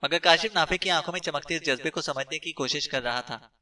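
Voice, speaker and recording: A man reading a novel aloud as an audiobook narrator, with steady storytelling. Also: on the high side, brisk, recorded from a distance. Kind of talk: scripted narration.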